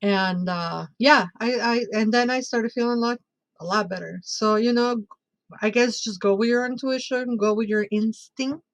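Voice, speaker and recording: A woman's voice: a little high, normal speed. Woman telling a personal story conversationally. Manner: expressive, conversational, often checking in with "right?". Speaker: podcast guest.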